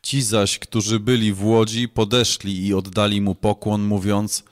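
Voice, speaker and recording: A man reading scripture aloud in a measured, solemn way. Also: lowish voice, flat delivery. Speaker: scripture reader.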